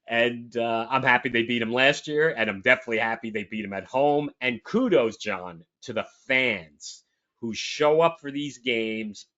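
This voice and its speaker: Guy rambling about football on a podcast, mid pitch, kinda muffled lo-fi sound. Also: normal speed, pushed and bright. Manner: rambling, emphatic, frequent restarts. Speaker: sports talk co-host. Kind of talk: casual sports chat. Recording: dull lo-fi audio.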